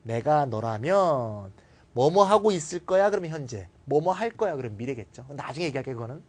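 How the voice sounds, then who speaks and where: A male grammar teacher gives a classroom lecture with a lively, swooping voice that rises and falls. He poses questions and answers them himself, and slips into blunt, scolding rants. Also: medium pitch, fairly quick.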